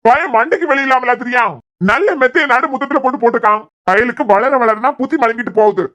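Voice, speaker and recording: A woman voicing an exasperated middle-aged father in a cartoon who complains loudly about his son. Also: on the high side, fast, lightly acted. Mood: grumbling. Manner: loud complaining. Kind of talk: cartoon voice acting.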